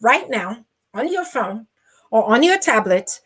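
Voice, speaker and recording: A woman's voice: a little high, very animated, measured pace, fairly bright tone, breathy edge. A woman with a Nigerian accent hosting a podcast interview, making appeals to listeners with frequent ums. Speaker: podcast host.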